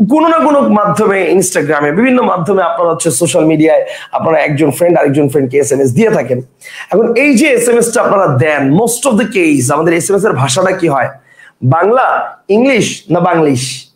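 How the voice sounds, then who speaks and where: Male teacher, bright high voice, lively quizzing classroom delivery, echoey room. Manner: lively, repeats points, asks the class questions. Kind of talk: classroom grammar lecture.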